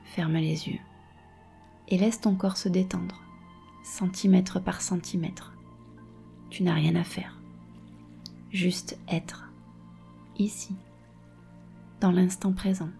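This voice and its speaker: A woman guiding a meditation softly and slowly, close in your ear, with a breathy voice that often slips toward a whisper. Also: lowish voice, fairly even intonation, soft background music. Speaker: meditation and hypnosis guide. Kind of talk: guided meditation, soft and slow.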